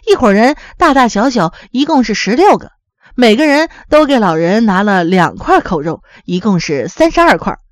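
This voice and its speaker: Woman reading a story out loud, expressive, pretty high voice, dry close sound. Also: moderate pace, dry recording. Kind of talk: scripted story narration.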